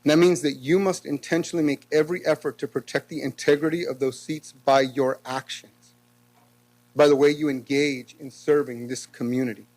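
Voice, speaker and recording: A man's voice: fairly high pitch, fairly even intonation, fairly quick, a little mellow, rough recording. A man giving impassioned public comment to a city council, speaking with an earnest, preacher-like cadence. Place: council chamber.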